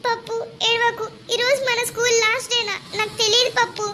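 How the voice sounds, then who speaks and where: Very high, sweet voice-acted cartoon schoolgirl, soothing and gentle, noisy dub. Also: level tone, a little fast. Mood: gentle consoling. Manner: gentle, consoling.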